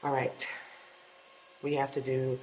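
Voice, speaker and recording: A woman's voice: extremely low pitch, little pitch movement, slow pace, a little mellow. A woman talking casually and encouragingly to viewers as a fitness vlogger, recorded in an echoing gym. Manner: encouraging, addresses viewers directly. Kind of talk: casual motivational vlog talk to viewers. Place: indoors in an apartment building gym. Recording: echoing gym, long reverb, faint noise.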